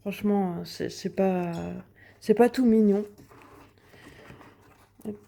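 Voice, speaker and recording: Here a young woman takes it slowly, her mid-range voice warm, as she shows her finished coloring pages on a laid-back vlog. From her seat by a window at home, she rambles chattily, hesitating and restarting often with plenty of fillers.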